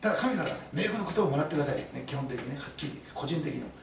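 A man's voice: on the high side, animated, racing, gravelly, background noise. A male pastor preaching a sermon to his congregation, emphatic and fond of rhetorical questions, recorded in an echoey church hall from a distance. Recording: echoey room, mic at a distance.

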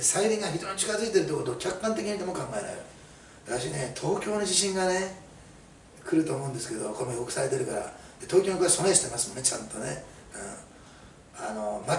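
A man's voice: on the high side, vocal fry. A middle-aged man preaching a sermon as a pastor, telling stories chattily with many fillers. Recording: roomy, mic at a distance, faint hiss.

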